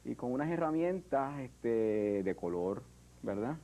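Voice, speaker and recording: A Puerto Rican sculptor in an interview, speaking in a reflective, hesitant way with many fillers and restarts. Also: male voice, medium pitch, lively intonation, unhurried, warm tone, a little hiss or hum, poor audio. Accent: Puerto Rican Spanish. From Puerto Rico. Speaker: artist, sculptor. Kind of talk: interview conversation.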